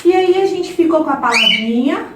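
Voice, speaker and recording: A Brazilian woman teaching a review lesson to young children, stretching words out slowly and playfully. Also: high voice, expressive, echoey room, distant mic, noisy background. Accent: Brazilian Portuguese. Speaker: primary school teacher.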